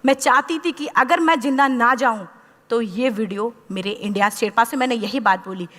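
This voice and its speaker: Woman, 30s, motivational speaker, passionate storytelling, slightly high voice, big hall reverb. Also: moderate pace, a bit bright. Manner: impassioned storytelling, acting out quoted dialogue. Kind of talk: motivational speech to a live audience.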